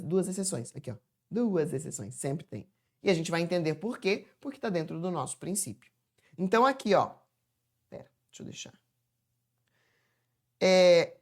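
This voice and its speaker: A woman's voice: medium pitch, darkish tone. A woman with a Brazilian Portuguese accent teaching a grammar lesson. She asks herself questions and then answers them with emphasis.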